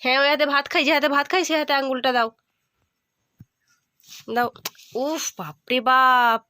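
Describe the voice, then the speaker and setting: A high-pitched woman tutors a small child at home, her voice bright and ringing. She coaxes and repeats her questions, then sighs and scolds as her patience wears thin. The sound is close and dry. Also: steady tone, brisk, dry recording. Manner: coaxing then exasperated, sighing and scolding. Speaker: mother tutoring her young son.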